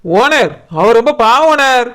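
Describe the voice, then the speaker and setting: A woman plays a village neighbor from a cartoon who keeps earnestly pleading with the house owner. She speaks with a Kanyakumari Tamil accent, in a high and urgent voice. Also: lively intonation, a little slow, a bit bright.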